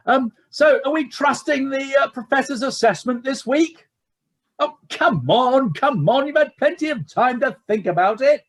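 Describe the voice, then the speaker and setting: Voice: sits high, expressive, unhurried, no echo. An actor playing a relentlessly cheerful, bumbling leader in a comic pantomime, pompous and blustering.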